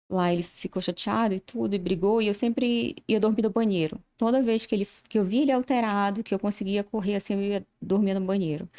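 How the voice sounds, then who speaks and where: A woman's voice: mid-range voice, warm tone. A woman giving earnest personal testimony as a podcast guest, often acting out remembered dialogue.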